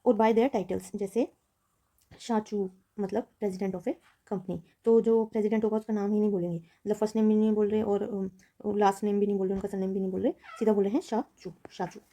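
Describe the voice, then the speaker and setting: A young woman walks through a language lesson in an even, level tone. Her voice is deeply mellow and warm, with little rise and fall. She pauses on fillers and slows down for read-out passages. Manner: explains in Hindi mixed with read-out English passages, many fillers. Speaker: Japanese language teacher. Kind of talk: recorded lesson explanation.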